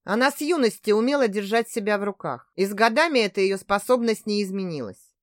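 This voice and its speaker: A woman narrates an audiobook from a script, reading in a measured, expressive way. Her mid-range voice is captured as clean studio sound with no room sound.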